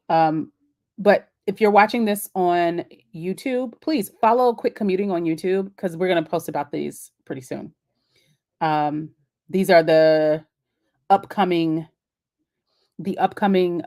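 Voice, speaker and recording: Woman host, low-pitched, casual live Q&A, chatty and encouraging, lots of ums and restarts. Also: darkish tone.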